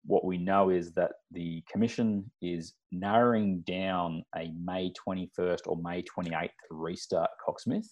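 A man's voice: deep voice, steady tone, unhurried, hardly any pauses, darkish tone. A man with an Australian accent hosting a casual sports podcast in a bantering, teasing way. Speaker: podcast host. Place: large echoey room at home.

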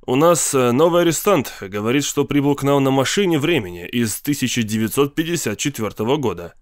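A man's voice: mid-range voice, expressive, brisk, dry recording, clean studio sound, lightly acted. A man voicing a prudish, nervous male police captain in a storybook reading, deferential to superiors and stern with prisoners.

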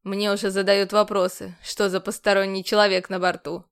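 A woman's voice: medium pitch, level tone, moderate pace, smooth, natural voice. A woman voicing a stern male alien commander who speaks harshly and curtly. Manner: harsh, clipped, raised voice.

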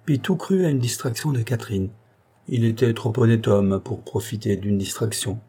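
A man reading a classic novel aloud as an audiobook narrator, steady and expressive. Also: lowish voice, moderate pace, slightly rough.

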